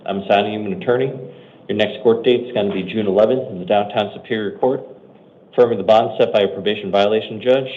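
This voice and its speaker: An American man speaking as a judge at a hearing, making procedural courtroom announcements in a brisk, matter-of-fact, routine way. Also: lowish voice, slight background noise. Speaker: judge or commissioner at initial appearance hearings. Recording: muffled phone-like courtroom audio.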